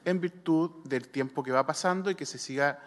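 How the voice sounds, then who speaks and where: A man with a Chilean accent, a health superintendent giving a measured technical explanation, with frequent hesitations. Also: fairly high pitch. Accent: Chilean Spanish. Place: senate committee room. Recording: long reverb in a hall.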